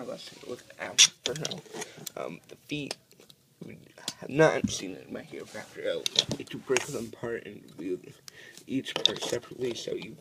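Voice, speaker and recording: A man giving a casual toy review, talking haltingly with many ums and restarts while he handles pieces. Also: mid-range voice, heavy background noise.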